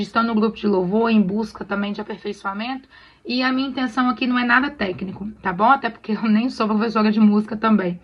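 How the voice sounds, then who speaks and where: A Brazilian woman gently teaching church choir singers to read sheet music, often checking they follow along. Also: a little high, highs cut off. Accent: Brazilian Portuguese. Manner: friendly, explains patiently with many "tá bom?" checks. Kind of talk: casual tutorial on reading sheet music.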